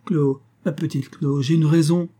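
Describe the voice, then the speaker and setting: A man's voice: mid-range voice, moderate pace, dark tone, slightly rough, close to an everyday voice. A man reading aloud and voicing a proud, broke young man who pleads and stammers, then puts on dignity. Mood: pleading.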